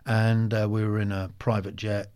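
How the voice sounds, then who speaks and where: A man in his sixties telling stories in a casual interview, halting with many ums and restarts. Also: lowish voice, little pitch movement, a little mellow, clean tone. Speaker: guest, former soldier.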